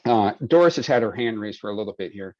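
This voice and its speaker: Very deep man, easygoing webinar moderator on a dry, lo-fi call. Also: quick pace, no echo. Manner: relaxed, filler-heavy, folksy phrasing. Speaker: webinar moderator and project lead. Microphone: video call. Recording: dry, dull video call audio.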